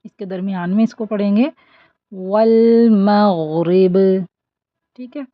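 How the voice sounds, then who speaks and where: A woman teaches recitation in an online class, explaining each sound and then reciting the lines slowly, drawing them out. Her voice sits at a middle pitch. The audio is dull and lo-fi, with a dry, close sound and no room echo. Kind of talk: online tajweed lesson.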